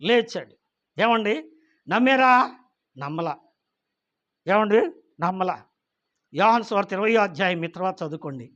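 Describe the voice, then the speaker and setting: A man gives a sermon in a high voice. He keeps turning to the congregation with questions and acts out the people in the story he tells. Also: expressive, a little slow, pauses often, a bit bright, lo-fi sound. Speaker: pastor.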